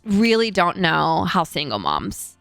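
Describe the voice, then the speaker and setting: A woman's voice: wildly swooping pitch, takes it slowly, gravelly, a bit bright, soft background music. A young adult woman chatting casually as a co-host, telling a rambling story full of fillers and now and then acting out what people said. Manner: acts out quoted voices in a higher pitch. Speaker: streamer and co-host. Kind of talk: casual chat.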